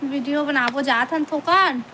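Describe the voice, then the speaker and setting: A woman with a Chhattisgarhi accent chats with her live viewers in a high voice, unhurried and relaxed. She greets each of them by name and reads out their comments. The stream is picked up on a phone at home with steady background noise. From Chhattisgarh, India. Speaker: vlogger hosting a live stream. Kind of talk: casual chat with live viewers.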